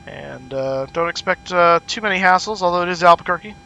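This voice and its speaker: A streamer playing an airline captain giving a relaxed cockpit announcement over his headset mic, with an easy "uh" between phrases. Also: sits high, fairly quick, gravelly, slight background noise, full character voice. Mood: calm, breezy. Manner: relaxed, with filler "uh"s and a dry joke. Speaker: flight sim streamer.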